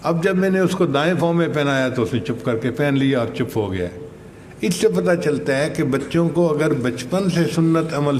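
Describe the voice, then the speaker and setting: An older man giving a slow, measured sermon, telling stories and reciting Arabic verses. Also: fairly high pitch, a little mellow. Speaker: religious scholar. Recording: echoey hall with faint noise.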